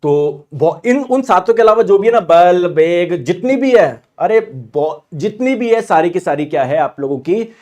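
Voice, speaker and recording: A man teaching an exam-prep physics lesson in a lively way, often asking questions and answering them himself. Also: high-pitched, measured pace, hardly any pauses. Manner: lively, asks and answers his own questions; acts out students' objections in asides.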